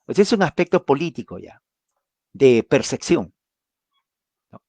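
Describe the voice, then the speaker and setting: Male Bible teacher, mid-pitched voice, conversational and animated, dry recording. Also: measured pace, husky, dry recording. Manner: explains with rhetorical questions and acted-out quotes.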